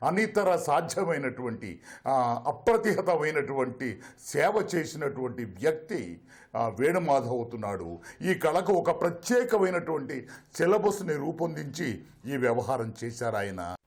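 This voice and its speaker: A man gives an interview in an ornate, formal style, stopping often with filler sounds. His pitch moves in a lively way as he speaks. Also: measured pace. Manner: elaborate formal phrasing with many fillers.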